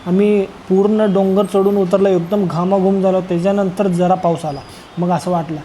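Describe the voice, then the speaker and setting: A man's voice: sits high, steady tone, normal speed, warm tone, a little hiss or hum, poor audio. A young man from Solapur, narrating a travel vlog in a rambling, joking way and addressing viewers as friends. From Solapur, Maharashtra. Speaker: travel vlogger. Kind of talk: casual travel vlog voice-over.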